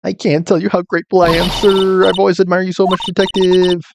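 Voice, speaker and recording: A man's voice: high voice, level tone, fast, creaky, background noise, pitched above the performer's own voice. A man voicing an earnest, devoted young waitress from a video game. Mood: grateful.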